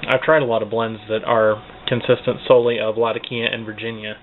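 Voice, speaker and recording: A man's voice: lowish voice, level tone, brisk. A man giving a casual spoken product review, hesitant and searching for words as he goes. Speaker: pipe tobacco reviewer. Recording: tinny, phone-like band, clearly noisy.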